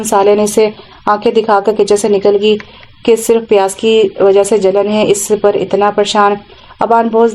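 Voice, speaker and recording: A woman narrating an audio novel in an even, unhurried reading. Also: medium pitch, poor audio.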